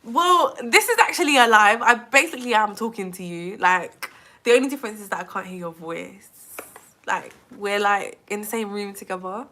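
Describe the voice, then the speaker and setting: Young woman from England, bright tone, rambling live-stream vlogger who says "like" a lot. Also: mid-range voice, moderate pace. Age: 20s. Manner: chatty, says "like" constantly, animated. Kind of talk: casual live-stream chat.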